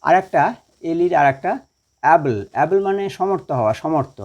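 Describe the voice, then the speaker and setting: A man teaching a recorded grammar lesson, speaking slowly and carefully, pausing with fillers and spelling words out letter by letter. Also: on the high side, animated, muffled recording. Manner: measured, with hesitant fillers.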